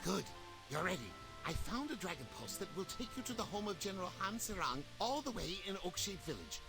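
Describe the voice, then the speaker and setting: A man voicing a self-assured warrior mentor in a game, measured and commanding. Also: high-pitched, big pitch swings, creaky, full character voice. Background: game music.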